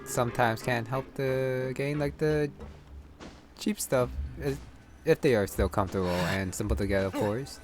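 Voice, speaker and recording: With game music playing behind him, a gamer and streamer talks through his play at a measured pace in a medium-pitched voice. His commentary is casual and unscripted, mostly thinking aloud to himself.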